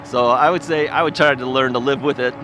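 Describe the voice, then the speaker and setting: Out on a city street, an American man hosts a casual ebike vlog, rambling folksily with lots of fillers and chuckling often. His medium-pitched voice is brisk with fairly even intonation, and music plays in the background along with traffic and street noise from the outdoor recording.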